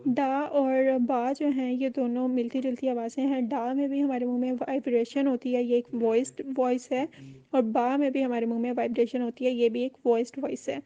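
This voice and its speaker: A woman gives a recorded course lecture, patiently explaining terms and repeating key phrases. Her voice sits high but stays fairly flat in melody, with a soft, mellow tone. The recording sounds a little dull and lo-fi. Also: normal speed.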